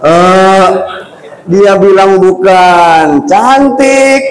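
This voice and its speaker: A man preaching a sermon, telling a funny story in a joking, lively way. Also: high voice, extremely slow. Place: prayer room. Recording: echoey prayer room.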